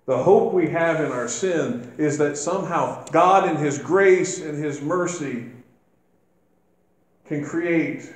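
A man, a minister, preaching a sermon in a church in a slow, deliberate way, rising in force when he quotes scripture. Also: fairly high pitch. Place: church sanctuary. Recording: echoey church hall.

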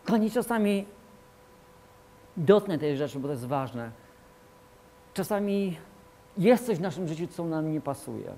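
A man preaching a sermon as pastor, emphatic and repetitive, swinging between loud declarations and quiet asides. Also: fairly high pitch, animated, measured pace, pauses often.

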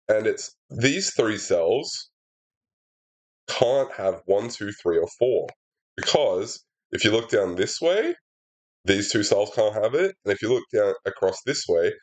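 A young man with stuffed-up sinuses, a puzzle setter and walkthrough host, casually solves a sudoku, chatty and relaxed, explaining each step aloud with lots of "uh" and "um." His slightly low voice comes through a laptop's built-in mic at a desk indoors, and the audio is poor.

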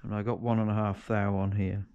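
This man has a fairly low, darkish voice with vocal fry, little pitch movement and a fairly quick pace. As a home mechanic vlogger, he thinks aloud through an engine rebuild inside a large, cluttered garage, often restarting and correcting himself. His chest-mounted action camera gives a lo-fi sound.

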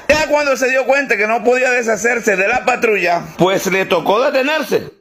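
A man telling a string of spoken jokes as a comedian, animated and switching into character voices. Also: very high-pitched, slight background noise.

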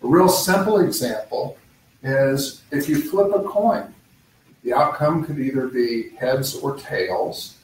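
A man's voice: medium pitch, lively intonation. Middle-aged guy tutoring math, lots of uhs and ums, sounds a bit far off in an echoey room. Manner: unhurried, explaining step by step with frequent "uh" and "um" fillers. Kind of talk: live-streamed skills session lecture. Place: campus learning center room. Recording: roomy, mic at a distance, faint background hum.

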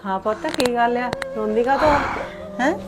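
A woman's voice: mid-range voice, moderate pace, lightly acted. Brief: a woman plays a plainspoken mother, blunt and caring, background music behind. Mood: tender. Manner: blunt, scolding, then motherly. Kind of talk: scripted Punjabi skit.

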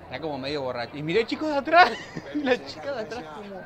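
A man's voice: sits high, wildly swooping pitch, quick pace, a bit bright. A man with an Argentine accent reacts to a TV episode and reads its subtitles aloud, with gushing exclamations and giggles. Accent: Rioplatense Argentine Spanish. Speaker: reaction video host. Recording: show audio with crowd noise underneath.

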